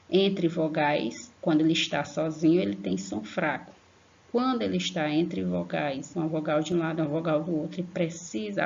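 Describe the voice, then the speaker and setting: A Brazilian woman teaching an online grammar lesson to young children, affectionate, slowly spelling out syllables and checking in with a questioning "tá?". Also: lowish voice, gravelly, a little mellow. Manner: affectionate, tags sentences with a questioning "tá?"; slow, emphatic spelling-out of syllables. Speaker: primary school teacher. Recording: lo-fi online class recording.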